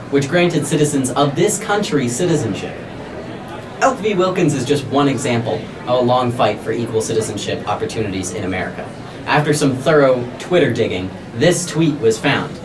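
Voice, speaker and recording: A man presenting scripted political satire like a parody news anchor, with a sarcastic delivery full of rhetorical questions. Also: mid-range voice. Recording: noisy, distant microphone with room ambience.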